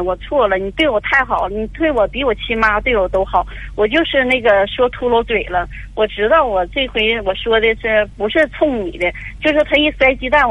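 A woman's voice: on the high side, fairly bright tone, dry recording. Older woman on phone. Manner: tearful, rambling storytelling with many fillers. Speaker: caller. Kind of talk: call-in advice radio. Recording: dull lo-fi phone line.

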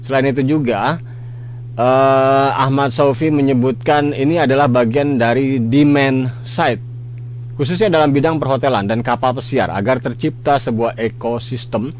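A man presenting a live radio news bulletin in a halting, hesitant way. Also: mid-range voice. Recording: radio broadcast with clear hum noise.

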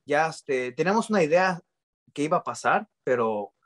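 A man's voice: on the high side, expressive, normal speed, a bit bright. A man, telling his story in a casual interview, often restarting and dropping English words into his speech.

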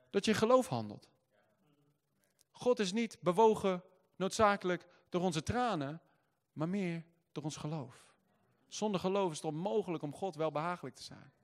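A man preaching a sermon, moving from quiet storytelling to loud, shouted proclamation. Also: high-pitched. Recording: long hall reverb.

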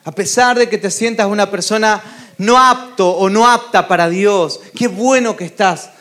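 A man preaching a sermon, his voice sitting notably high for a man. He speaks as a pastor, earnest and encouraging, and keeps checking in with his listeners as he goes. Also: moderate pace, a bit bright.

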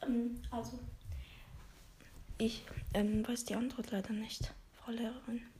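A woman's voice: high voice, moderate pace, fairly bright tone, reverberant, a little hiss or hum. A girl doing a timid whispering pupil. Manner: hesitant, whispering. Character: timid pupil who can only whisper. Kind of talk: whispered role-play.

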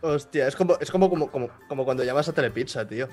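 A man's voice: mid-range voice, very fast, darkish tone, soft background music. Easygoing Spanish man bantering. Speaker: podcast co-host. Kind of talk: casual chat.

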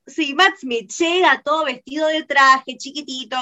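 A young woman with a Rioplatense accent, co-hosting a film podcast and retelling scenes in a fast, exasperated way. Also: high voice, sharp tone, dry recording. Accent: Rioplatense Spanish. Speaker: podcast co-host. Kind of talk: casual film review chat.

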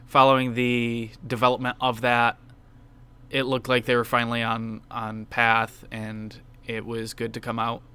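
A man co-hosting a casual video game podcast. His voice is bright and crisp, with a clean, smooth sound. He talks frankly and with enthusiasm, and swears freely in the middle of his opinions. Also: mid-range voice, monotone, measured pace. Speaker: podcast co-host. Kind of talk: casual game-awards discussion.

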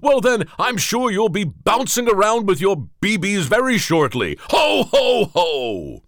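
A man voicing a hearty Santa Claus with a booming laugh. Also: wildly swooping pitch, unhurried, fairly bright tone, no room sound, clean studio sound, exaggerated voice. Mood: jolly.

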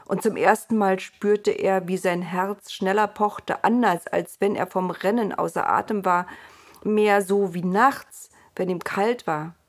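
A woman reading a storybook aloud in a calm, unhurried way. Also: mid-range voice. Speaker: narrator.

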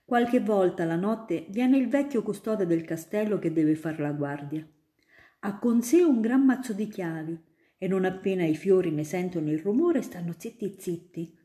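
Here a woman plays a kindly young male student telling a little girl imaginative stories from a storybook. Her mid-range voice sounds near her natural speaking voice and moves at normal speed. The mood is enthusiastic, the delivery animated, and the room echoes noticeably.

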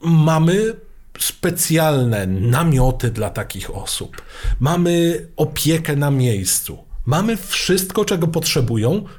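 A man in casual film talk, explaining things in a wry, drawn-out way. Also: fairly high pitch, very animated, a little mellow.

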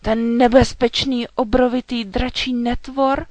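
A storyteller voicing a frightened, boastful young male knight in a children's storybook reading, stammering and shouting in panic. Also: mid-range voice, big pitch swings, dry recording. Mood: panicked.

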